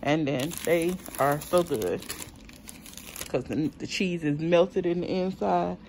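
Here a South Carolina vlogger walks viewers through her grocery haul in a relaxed, chatty way, sprinkling in lots of ums and addressing everyone as y'all. She speaks in a lowish, somewhat mellow voice over slight background noise.

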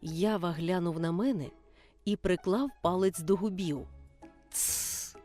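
A woman narrating a children's audiobook in an expressive storytelling manner. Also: lowish voice, normal speed, faint music behind.

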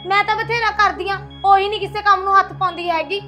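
A woman's voice: very high-pitched, steady tone, pushed and bright. A woman playing a resentful, overworked daughter-in-law. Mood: complaining. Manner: complaining, quick and defiant. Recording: music under the dialogue.

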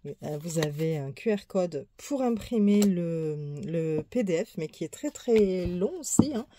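A woman's voice: fairly low pitch, lively intonation, unhurried, mellow, a little hiss or hum. A woman tarot YouTuber chatting casually as she shows and reviews her card decks, easygoing and full of small asides. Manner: chatty, easygoing, many fillers and small laughs. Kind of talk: casual show-and-tell deck review.

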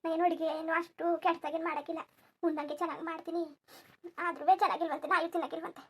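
A woman's voice: very high-pitched, little pitch movement, quick pace, a bit bright. A woman voicing a put-upon young village daughter-in-law and mother in a cartoon, rambling on with her grievances. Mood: grumbling. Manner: complaining, rambling grievance monologue. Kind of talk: cartoon voice acting.

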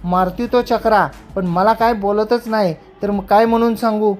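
A woman's voice: mid-range voice, steady tone, moderate pace, darkish tone, soft background music, natural voice. A woman voicing a frightened young village girl pleading her innocence in rustic speech.

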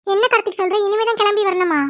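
A woman's voice: extremely high pitch, steady tone, very fast, fairly bright tone. A woman voicing a fretful, jealous young girlfriend in a cartoon, speaking in a worried, coaxing way.

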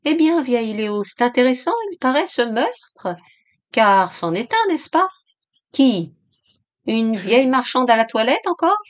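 A woman reading aloud voices an anxious young society woman who pleads in a high, urgent voice. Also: big pitch swings, measured pace. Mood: teasing. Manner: high-pitched, pleading, rising to near-shouts.

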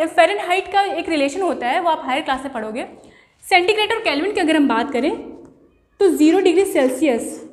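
A woman teacher giving a classroom science lesson, explaining with everyday examples and asking rhetorical questions. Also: high-pitched. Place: room. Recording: echoey room with long reverb.

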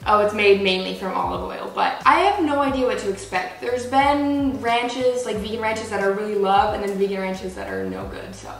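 Filmed by a camera several feet off in her echoey home kitchen, a woman of twenty does a casual grocery haul chat, peppering her speech with "like." She sounds animated, with a mid-range voice at normal speed and few pauses. The distant mic picks up the room.

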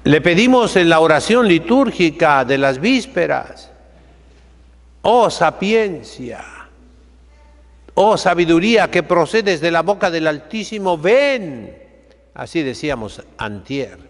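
An older man delivers a Sunday sermon from his chair beside the altar, his pace slow and deliberate. His slightly high voice rises and falls in wide, lively arcs, and a long church reverb trails each phrase. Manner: slow, emphatic preaching with sweeping rises and drops. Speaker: priest. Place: chapel sanctuary, seated by the altar.

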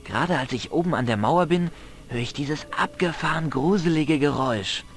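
A man with a slightly high voice, close to his everyday sound and at normal speed, plays a cheeky, defiant teenage village boy in a video game. The character is boyish, slangy and cocky, fond of dramatic tall tales, and the mood is spooky and dramatic.

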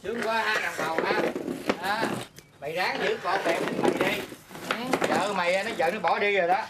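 An actor playing a bossy older village uncle with a Southern Vietnamese accent, brisk, teasing and scolding. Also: male voice, sits high, fairly even intonation, very noisy, close to an everyday voice. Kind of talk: rural comedy film acting.

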